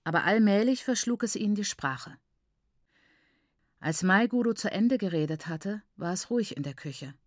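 A woman's voice: mid-range voice, animated, normal speed, no echo. Woman narrating an audiobook, dry sound. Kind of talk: scripted narration.

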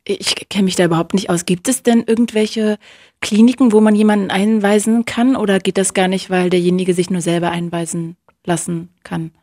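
A woman's voice: medium pitch, steady tone, brisk, dark tone, no echo, studio quality. A woman interviewer who asks probing questions in an empathetic way. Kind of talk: podcast interview.

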